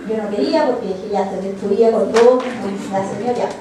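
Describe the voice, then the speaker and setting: A Chilean woman giving a personal testimony at church, telling her story in a lively way and acting out the dialogue. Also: medium pitch, brisk, background noise. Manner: animated storytelling, acts out quoted dialogue. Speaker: church speaker. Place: church hall. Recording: very echoey hall, voice far from the mic.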